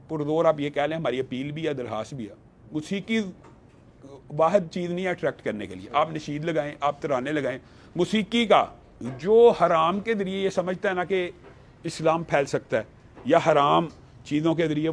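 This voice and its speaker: A man with a somewhat raised pitch argues his case in a panel discussion. He talks with earnest conviction, as a religious scholar would, and quotes scripture to back his points. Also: a little hiss or hum.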